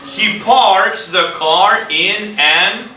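Standing at the board, a middle-aged man with a high voice teaches an ESL class very slowly, questioning students with short prompts and repeating phrases for them to echo. The distant mic picks up a noisy, echoey classroom.

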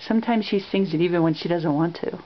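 A woman's voice: on the low side, a little hiss or hum. A woman filming a home video off camera, singing along and coaxing in a playful way. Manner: coaxing, playful, quick asides. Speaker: off-camera adult filming a child. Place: small bedroom indoors. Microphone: built-in camera mic. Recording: muffled home camera audio.

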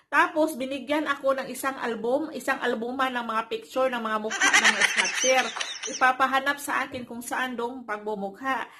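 A woman's voice: sits high, moderate pace. A woman telling a personal story in a casual, chatty way, laughing often and calling her viewers guys. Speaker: vlogger. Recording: loud background noise.

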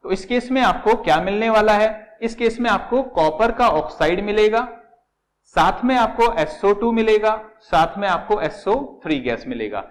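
Middle-aged Indian male teacher, higher-pitched voice, patient step-by-step lecturing, fond "beta" to students. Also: animated, normal speed. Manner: explains step by step, asks and answers own questions, calls students "beta". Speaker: chemistry teacher. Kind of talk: classroom lecture in Hindi with English terms.

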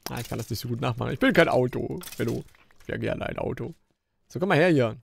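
A man giving casual gameplay commentary as a Let's Play host, chatty and grumbling, with jumpy bursts of excitement during fights. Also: medium pitch, fast, vocal fry, slight background noise. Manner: chatty, grumbling and joking at the game.

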